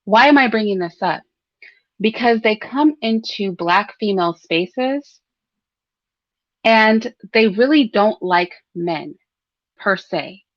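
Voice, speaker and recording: A woman's voice: mid-range voice, animated, slow, pauses often, no echo. A woman giving conversational solo opinion commentary, speaking informally and straight to listeners with rhetorical tag questions. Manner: frequent throat clearing. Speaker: host of a commentary livestream. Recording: dull, slightly lo-fi close dry sound.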